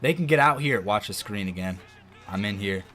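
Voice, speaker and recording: Excitable man doing football game commentary. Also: on the low side, moderate pace. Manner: excitable, loud outbursts over game plays. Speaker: gaming video host.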